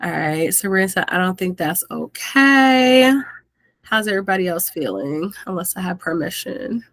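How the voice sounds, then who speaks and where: Casual woman host on a video call, talkative and relaxed, dry sound. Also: lowish voice, normal speed, no echo. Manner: chatty, says "like" often, laughs easily. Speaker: host of an officiant meetup.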